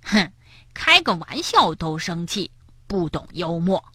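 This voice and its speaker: A woman's voice: on the low side, big pitch swings, slow, sharp tone, breathy edge, no room sound, studio quality, full character voice. Tiaotiao: woman doing a cheeky teasing frog. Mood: mocking. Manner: teasing, sing-song storybook voice. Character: cheeky playful male frog who teases.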